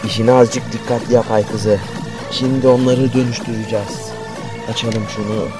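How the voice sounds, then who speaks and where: A man voicing a scheming boy mad scientist villain in a toy play video, talking in a low, bossy, plotting way. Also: level tone, normal speed, over music, natural voice.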